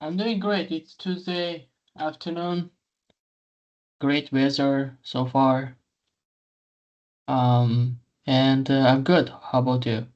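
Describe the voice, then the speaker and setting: A man's voice: mid-range voice, fairly even intonation, slow, long pauses. A man in his early twenties chatting on a podcast, thoughtful and a little hesitant as he speaks. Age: 20s. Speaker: podcast co-host. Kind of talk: casual podcast chat. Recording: dull, muffled lo-fi audio.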